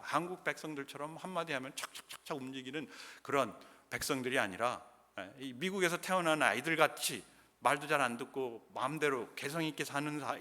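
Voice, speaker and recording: A man's voice: fairly high pitch, sharp tone. A man preaching a sermon as pastor, emphatic and often putting questions to the congregation. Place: church sanctuary. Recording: long church reverb.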